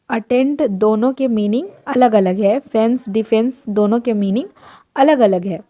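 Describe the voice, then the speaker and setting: Slow, mellow-voiced woman teacher. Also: a little high. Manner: methodical, lists examples one by one. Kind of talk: explanatory lesson in Hindi-English mix.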